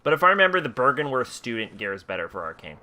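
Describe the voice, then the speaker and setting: A man's voice: medium pitch, sing-song, rapid-fire, pushed and bright, a little hiss or hum. A man giving casual, profane commentary while playing a video game on stream. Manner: swearing, self-mocking. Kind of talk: gameplay commentary. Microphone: headset.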